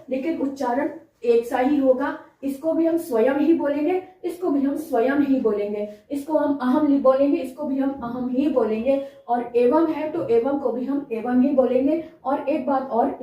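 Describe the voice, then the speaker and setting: High-voiced woman teaching in an echoey room. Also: mellow. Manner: explanatory, repeats examples, asks rhetorical checks. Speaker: Hindi teacher. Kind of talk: whiteboard grammar lesson. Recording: echoey, distant, dull mic.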